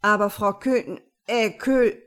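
A woman voicing a stiff, condescending male bank clerk with forced politeness and a flat, monotone delivery. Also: medium pitch, unhurried, natural voice. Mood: flustered.

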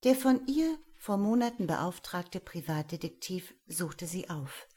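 A woman narrating a crime story aloud in a steady storytelling manner. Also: lowish voice, unhurried, husky.

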